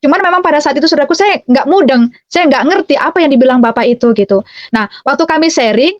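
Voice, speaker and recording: High-voiced woman sharing a testimony. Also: quick pace, no room sound. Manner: chatty, ends phrases with "gitu", calls listeners "dear brothers and sisters". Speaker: testimony speaker. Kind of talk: personal faith testimony. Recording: dull, muffled dry recording.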